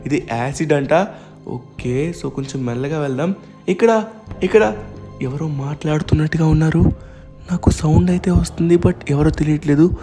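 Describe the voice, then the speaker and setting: A man's voice: a little high, moderate pace, mellow, soft background music. Indignant man with a raised voice. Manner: indignant, scolding. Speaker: channel host and game player. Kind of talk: voiced game machinima story.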